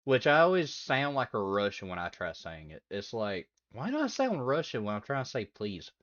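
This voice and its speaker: A young streamer chats casually with his viewers, rambling, laughing easily and reading out chat messages. His medium-pitched voice is very animated and fairly bright, at normal speed. The lo-fi audio sounds dull, with faint music in the background.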